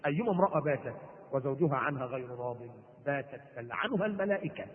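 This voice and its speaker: A man with an Egyptian accent preaching to women, animated and acting out the people he quotes. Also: medium pitch, rapid-fire. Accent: Egyptian Arabic. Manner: animated, acts out quoted voices. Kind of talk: lecture to women in a sermon. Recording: phone-like sound with long hall echo.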